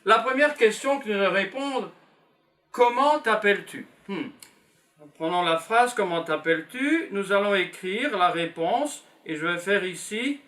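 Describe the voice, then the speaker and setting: With a high-pitched, sharp tone, a French teacher in his fifties from Belgium takes a beginners' class through simple phrases. He is slow and patient, repeating each one as he writes it down.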